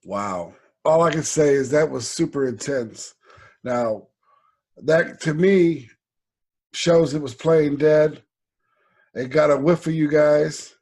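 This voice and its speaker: Gravelly husky-voiced co-host man. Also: on the high side, slow pace, pauses often, darkish tone. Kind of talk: podcast interview chat.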